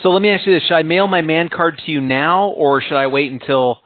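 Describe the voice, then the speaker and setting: Male US podcast co-host, rambling and self-deprecating, a bit high-pitched, tinny narrow sound. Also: fairly even intonation, brisk, no room sound. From United States. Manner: rambling, self-mocking, laughs often. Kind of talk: casual chat.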